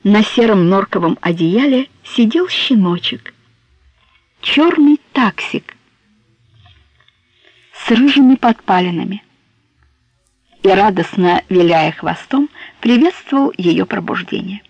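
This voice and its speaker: Husky woman narrating a novel. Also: mid-range voice, animated, takes it slowly, long pauses, dry recording. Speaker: audiobook narrator. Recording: dull, dry close recording.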